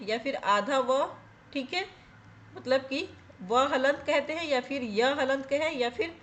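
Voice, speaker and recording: High-voiced woman teaching exam grammar. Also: fairly bright tone. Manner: explains step by step, often asks and answers her own questions; repeats "theek hai" to check in with viewers. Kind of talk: exam-prep grammar lesson.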